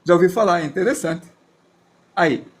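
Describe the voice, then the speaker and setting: A man's voice: high voice, moderate pace. A man, teaching a live drawing lesson and chatting as he thinks aloud while he draws.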